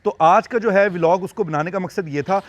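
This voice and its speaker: A man with a high-pitched voice talks a little fast in casual, rambling vlog commentary outdoors at an animal farm, where he works as the keeper. He's chatty and full of fillers, and the recording sounds muffled.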